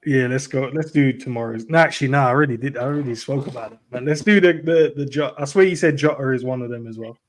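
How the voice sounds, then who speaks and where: A man's voice: mid-range voice, fast, hardly any pauses. Offhand man chatting on a panel. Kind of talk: casual chat.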